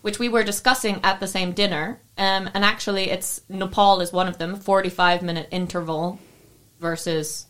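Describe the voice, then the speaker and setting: A woman's voice: mid-range voice, fairly even intonation, moderate pace, fairly bright tone. A young woman co-hosting a podcast, chatting in a casual, tipsy way, swearing lightly and laughing easily. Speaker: podcast co-host. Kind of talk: casual chat.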